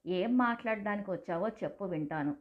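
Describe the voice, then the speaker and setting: A woman's voice: mid-range voice, lively intonation, brisk, narrow, tinny audio, natural voice. A woman voicing an older mother who speaks firmly and sternly. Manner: firm, stern. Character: older mother, firm and dignified.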